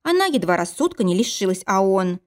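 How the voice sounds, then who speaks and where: A woman reading a fantasy romance audiobook in a measured, even narration. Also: medium pitch. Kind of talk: scripted narration.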